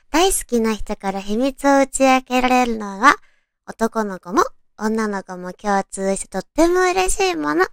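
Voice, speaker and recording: A woman's voice: on the high side, expressive, slow pace, dry recording. A woman chatting casually and girlishly as a solo host, reading out romantic material and adding her own reactions. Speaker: solo host of an audio talk show.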